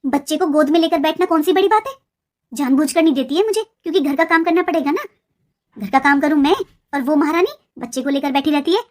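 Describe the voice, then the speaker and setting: A woman's voice: sits high, quick pace, natural voice. A woman voicing a nagging younger sister-in-law in a cartoon, a resentful young wife who complains sharply and sulks. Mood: grumbling. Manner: sharp, sulky, grumbling. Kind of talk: cartoon voice acting.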